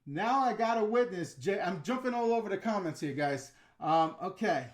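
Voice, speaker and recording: Speaking at normal speed with lively intonation, a middle-aged New York-accented man's voice sits high. He hosts a casual YouTube livestream, responding to chat in a blunt, ranting manner with frequent fillers.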